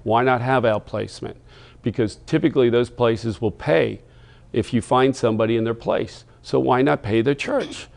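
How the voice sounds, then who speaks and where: A man's voice: mid-range voice, moderate pace, vocal fry, a little mellow. A man on a TV studio panel, speaking in a practical, business-minded way and posing rhetorical questions. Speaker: panel guest. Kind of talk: panel discussion on a TV talk show. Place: TV studio set.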